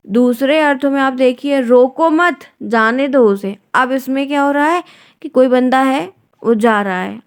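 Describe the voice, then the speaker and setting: A woman's voice: a little high, clean tone. A woman teacher explaining exam questions step by step and often checking in with her students. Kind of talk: exam-prep lesson.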